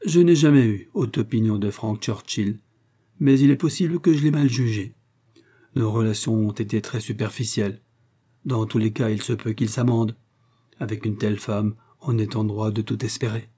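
A male narrator voicing a serious, reserved gentleman in an audiobook, speaking with grave sincerity. The voice stays dark and mellow, with a husky edge. Measured and earnest, never showy. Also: lowish voice. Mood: musing. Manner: grave and earnest, rising in warmth. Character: earnest, reserved gentleman suitor, grown man. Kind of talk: audiobook character reading.

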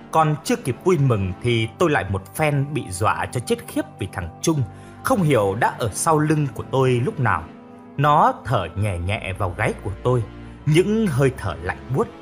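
A man with a mid-range voice narrates a first-person audiobook story in an expressive, storytelling style.

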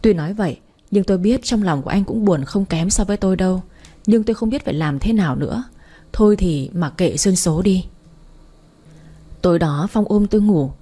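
A young woman tells her own story in an intimate, confessional tone. Her voice is dark and mellow, with a breathy, husky grain. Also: medium pitch, a little fast. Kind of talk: first-person story narration.

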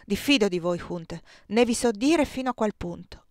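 A woman's voice: mid-range voice, lively intonation, moderate pace, a little mellow, no echo, studio quality, lightly acted. A woman reading the lines of a proud, grieving young woman in an audiobook. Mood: scornful.

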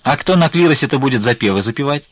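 A pert, cheeky young woman, mocking and bold, as a male reader puts her on. Her voice sits high and bounces lively. The recording is dull and dry. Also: fast, dry recording, natural voice.

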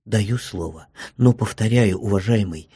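A man voicing an agitated middle-aged doctor who shouts in a trembling, tearful voice, in a storybook reading. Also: lowish voice, measured pace, breathy edge, no room sound, studio quality, pitched below the performer's own voice. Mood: weary despairing.

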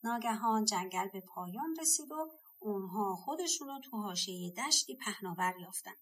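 A woman narrating a folk tale audiobook in a measured, gentle way. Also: mid-range voice, animated, slightly rough. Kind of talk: storybook narration.

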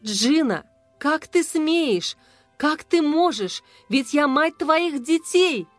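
A wronged young wife pleads through tears in a storybook reading, voiced by a woman narrator. The voice sits fairly high and climbs when she cries out. Faint music plays underneath. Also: expressive, normal speed, no echo. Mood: distraught.

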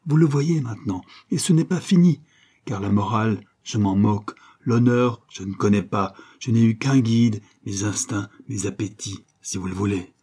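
A cynical, vengeful banker spits scorn and threats in a raspy voice, voiced by a man. The tone is dark and husky, and it rises sharply when he loses his temper. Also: lowish voice, expressive, normal speed. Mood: furious. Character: cynical, vengeful middle-aged male banker villain.

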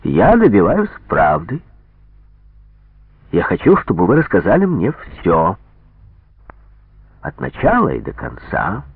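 A man voicing a stern gendarme interrogator with sharp, pressing questions, on a tinny radio recording. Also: lowish voice, huge pitch swings, takes it slowly, vocal fry, long pauses, slightly rough, no room sound, heavily acted. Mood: mocking. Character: stern male gendarme interrogator, mocking and harsh.

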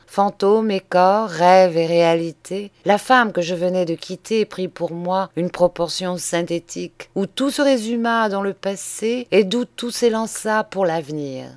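A woman reading a classic novella aloud in a slow, measured and expressive manner. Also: lowish voice, no echo. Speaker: audiobook reader. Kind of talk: literary audiobook narration.

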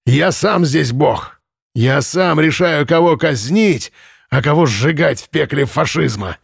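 A man's voice: sing-song, extremely slow, gravelly, no echo, clean studio sound, exaggerated voice. A man doing a shrieking drunken camp commandant. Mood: grandiose. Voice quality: shrill, furious shouting. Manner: ranting, unhinged, bullying. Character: drunk, raging male Nazi camp commandant. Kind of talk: audiobook character reading.

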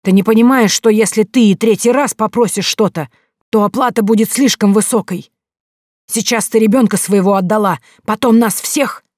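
A woman reading an audiobook, voicing a stern old village grandmother who scolds in a shrill, raised voice. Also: normal speed, darkish tone, dry recording, clean studio sound, natural voice. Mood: scolding.

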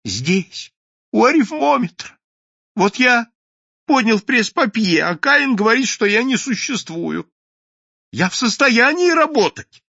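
A man's voice: extremely high pitch, big pitch swings, a little slow, vocal fry, sharp tone, slightly rough, dry recording, muffled recording, voice pushed up, heavily acted. A man voicing a timid invisible clerk who pleads meekly and plaintively in an audiobook.

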